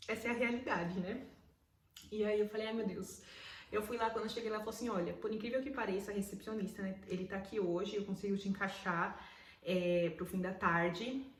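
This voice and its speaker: Speaking fairly quickly with a mid-range voice and fairly even intonation, a young Brazilian woman vlogs a personal story to camera in a Brazilian Portuguese accent. She sounds casual and emotional, repeats words for emphasis, and is recorded from a distance with roomy echo.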